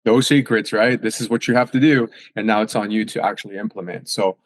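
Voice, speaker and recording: A man's voice: on the low side, steady tone, a little fast, dry recording. A man who works as a fitness and nutrition coach, talking casually and emphatically, with lots of fillers and tag questions. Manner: casual, emphatic, many fillers and "right?" tags. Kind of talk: casual podcast conversation.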